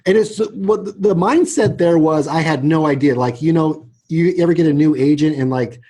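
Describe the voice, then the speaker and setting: Husky-voiced man telling his story. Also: a little high, normal speed. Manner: animated storyteller, many restarts and "right?" tags. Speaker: real estate agent and team builder, guest. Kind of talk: casual interview talk.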